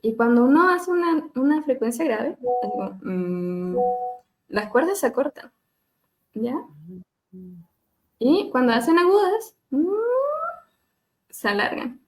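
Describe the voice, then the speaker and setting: A woman speech therapist leading a webinar on voice care, gently demonstrating hums and glides over a video call and laughing at herself now and then. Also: high voice, lively intonation, normal speed, long pauses, faint music behind. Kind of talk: live webinar lesson on vocal exercises.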